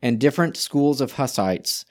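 Male podcast co-host, mid pitch, casual history talk, reads quotes, frequent restarts. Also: lively intonation, normal speed, darkish tone. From Czech Republic.

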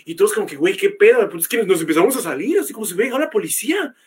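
Speaking very fast and expressively in a voice that sits high, a young man with a Mexican accent spins a story as a podcast co-host, using slang, lots of "güey" and acted-out quotes. A little hiss or hum sits under the audio.

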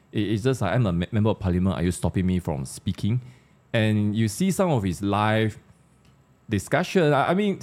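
A man with a Malaysian accent hosts a casual panel discussion, keeping things conversational as he puts questions to his co-panelists. His voice sits on the low side and is a little mellow.

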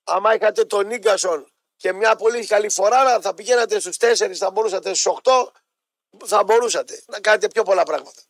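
A man with a high voice hosts a casual sports radio show. He talks bluntly and teases, cutting in over his co-hosts. The sound is dry and close. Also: no echo.

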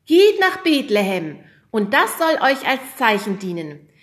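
Woman doing a tiny girl angel, super high, slow, proclaiming big. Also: big pitch swings. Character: solemn little girl playing the head angel.

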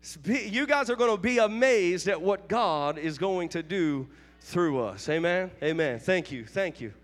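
A man's voice: sits high, expressive, unhurried, long reverb tail, faint music behind. A man pastor preaching a revival sermon in a church sanctuary, fervent, calling out to his congregation for amens. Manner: fervent preaching with call-and-response.

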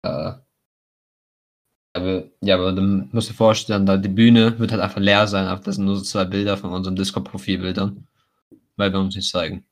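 A young man with a low voice and a smoker's rasp chats casually on a podcast. He teases his co-host and drops English slang into loose, informal banter. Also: flat delivery, a little fast. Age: teenager or young adult. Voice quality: raspy, like a smoker's voice.

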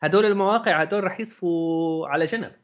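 A man's voice: high voice, fast talker. A man with a Levantine Arabic accent in a casual tech discussion, often restarting and repeating words as he goes.

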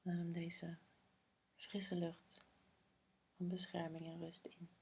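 A woman guiding a meditation in a soft, breathy half-whisper, slow and soothing, with long pauses. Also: lowish voice, completely flat delivery. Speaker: meditation guide. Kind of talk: guided meditation.

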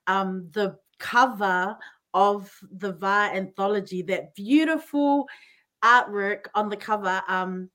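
Higher-voiced woman. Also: a bit bright. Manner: effusive, affirming. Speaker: podcast host. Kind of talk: casual interview chat.

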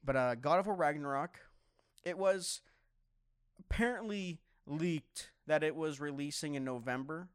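A man's voice: fairly high pitch, unhurried, smooth, no echo, studio quality. A young man streamer chatting casually to viewers, rambling and swearing, often stumbling over his words. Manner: rambling, profane, stammering restarts.

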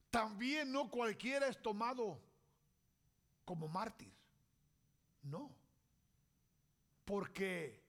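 A man preaching a sermon in a slow, deliberate way, pausing often and asking rhetorical questions. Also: sits high, creaky, fairly bright tone.

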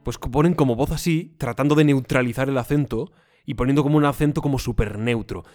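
A man's voice: medium pitch, fast talker, faint music behind. A man from Spain with a Spanish accent, co-hosting a casual podcast chat, joking and slipping into mock voices. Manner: jokey, animated, slips into mock voices. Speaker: podcast co-host.

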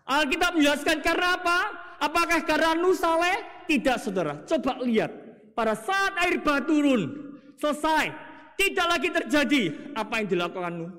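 Male preacher, very high and animated, rhetorical questions, recorded in a reverberant church hall. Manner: rhetorical questions, swings from loud to hushed; acts out quoted voices in his stories. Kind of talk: sermon.

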